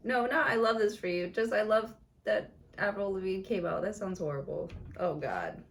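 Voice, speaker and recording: A woman's voice: mid-range voice, animated, moderate pace, gravelly. A woman giving a casual tarot reading, blunt and chatty with plenty of swearing, in a room with a window open. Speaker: tarot reader.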